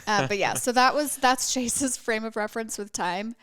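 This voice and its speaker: Woman, podcast co-host, casual chat, candid, teasing, smooth voice, dry close sound. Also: fairly high pitch, normal speed, fairly bright tone, no room sound.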